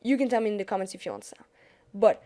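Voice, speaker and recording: A French-accented young woman, a gaming YouTuber, gives casual commentary over screen capture of a card game and frequently restarts sentences. Her medium-pitched voice is warm and expressive, and she talks at a quick pace.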